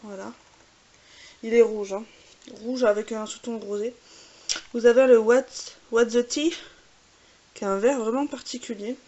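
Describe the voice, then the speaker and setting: A woman's voice: a little high, steady tone, moderate pace, pauses often, mellow, lo-fi sound. A woman with a French accent, chatting casually with many fillers while showing makeup swatches. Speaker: beauty vlogger. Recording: faint hiss.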